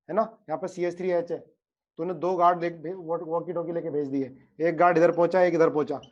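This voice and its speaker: A man's voice: high-pitched, muffled recording. A man teaching chemistry in an online lecture, joking and teasing his students by name and explaining with playful analogies.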